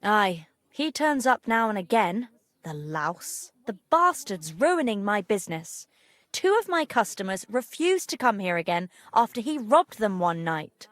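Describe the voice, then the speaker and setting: A woman's voice: mid-range voice, very animated, measured pace, fairly bright tone, no room sound. An actress playing a blunt, bitter medieval bathhouse woman with earthy speech in a video game. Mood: resentful.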